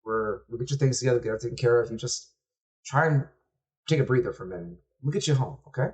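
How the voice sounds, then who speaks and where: Guy doing a rambly paranoid dad, stumbles over his words, blunt, kinda up in pitch. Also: fast talker, darkish tone, lightly acted. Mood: soothing. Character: suspicious conspiracy-minded middle-aged dad.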